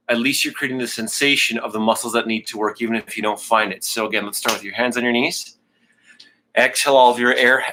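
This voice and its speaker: A man's voice: medium pitch, pushed and bright. A man teaching a live yoga class, talking students through breathing cues in a casual, joking way and a bit out of breath. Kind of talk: live online class instruction.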